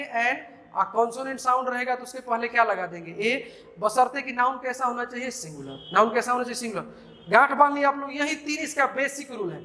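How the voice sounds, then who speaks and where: High, bright-voiced Hindi grammar teacher. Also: male voice. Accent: Bihari Hindi. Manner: dictating slowly, quizzing students with questions. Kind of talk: classroom grammar lesson.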